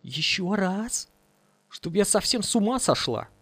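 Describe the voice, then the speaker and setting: A man's voice: high voice, sing-song, unhurried, fairly bright tone, dry recording, pitched above the performer's own voice, full character voice. A man voicing a frightened, simple-minded woman who mumbles and exclaims in a fluster.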